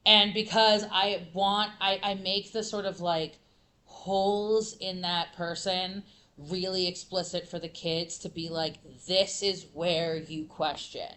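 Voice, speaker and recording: A woman middle school teacher speaking on a conference panel, animated and full of fillers and restarts. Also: medium pitch, unhurried.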